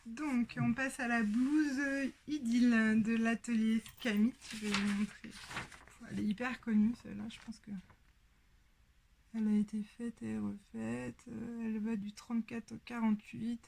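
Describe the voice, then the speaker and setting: A woman with a French accent hosting a casual sewing show-and-tell, talking with many pauses and fillers. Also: fairly high pitch, little pitch movement, gravelly, darkish tone, a little hiss or hum. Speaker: sewing podcast host.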